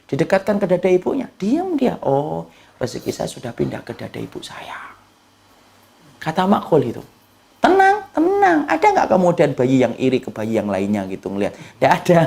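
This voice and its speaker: A male preacher delivers a lively sermon, his voice rough and gravelly. He keeps asking the congregation questions and answers them himself, now and then slipping into short, humorous quoted voices. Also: sits high. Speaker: Islamic preacher.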